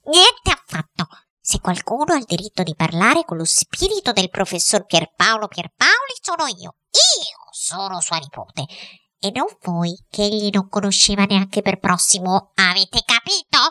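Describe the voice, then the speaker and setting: A bossy storybook wife with a sharp, imperious way of speaking, her voice pitched high and cutting, done by a woman narrator. She scolds and commands. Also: big pitch swings, unhurried, few pauses, no echo, studio quality. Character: bossy shrill middle-aged woman, school director's wife.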